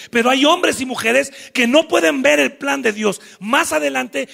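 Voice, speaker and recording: A pastor preaches in a very high, gravelly voice with a bright, sharp tone. He is animated and keeps acting out the Bible figures as he goes. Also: in a large hall. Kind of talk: sermon. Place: church.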